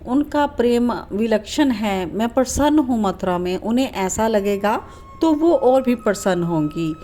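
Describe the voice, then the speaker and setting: A woman's voice: fairly high pitch, expressive, a little slow, warm tone, slight background noise. Woman voicing tender young god Krishna. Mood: pleading. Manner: tender, pleading, emotional. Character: young male god Krishna, loving and tearful.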